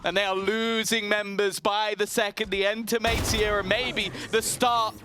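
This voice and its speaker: High-pitched dramatic male esports caster. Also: little pitch movement, normal speed, pushed and bright, smooth. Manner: dramatic, emphatic match calling. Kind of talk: live esports play-by-play commentary.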